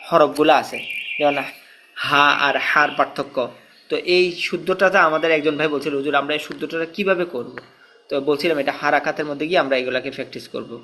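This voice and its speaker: A man with a bright, forceful voice teaches Quran reading. He chants letter-and-vowel drills in a steady rhythm and stops to explain with questions. A faint hum of the room runs under him. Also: on the high side. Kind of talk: spelling drill lesson.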